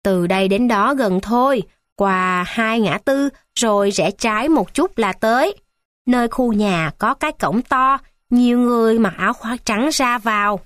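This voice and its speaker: A woman voicing a kindly older male locksmith who gently gives directions. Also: a little high, measured pace, no echo, studio quality.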